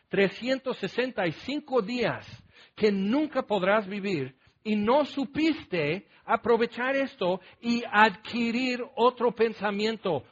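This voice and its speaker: A man delivers a sermon in a notably high voice, talking to his listeners as if in conversation. He keeps asking rhetorical questions and playfully voicing their objections. The sound is dull and lo-fi, as from a radio broadcast. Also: a bit bright. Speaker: preacher.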